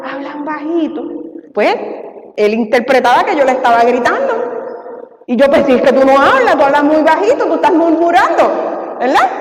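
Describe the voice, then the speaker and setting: High-voiced Puerto Rican woman pastor preaching. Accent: Puerto Rican Spanish. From Puerto Rico. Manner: preaching with lively storytelling, acting out dialogue. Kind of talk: sermon. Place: church sanctuary. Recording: echoey church hall with long reverb.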